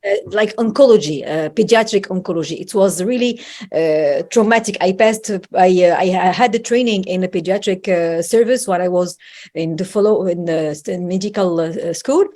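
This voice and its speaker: A woman's voice: on the low side, moderate pace, dark tone. Woman host searching for her words. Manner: searching for words, many restarts. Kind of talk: conversational panel talk.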